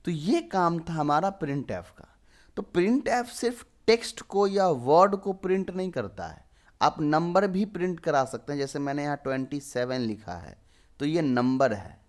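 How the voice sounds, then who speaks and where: A man's voice: on the high side, animated, measured pace, darkish tone. Young man teaching code, questioning aloud. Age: 20s. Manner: explains step by step, asks and answers his own questions. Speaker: programming tutor. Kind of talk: screen-recorded coding lesson.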